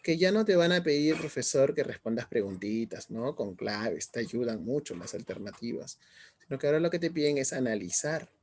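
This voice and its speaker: A man's voice: medium pitch, sing-song, moderate pace. A middle-aged male teacher giving an online class, often asking students questions and checking in as he explains. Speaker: language teacher.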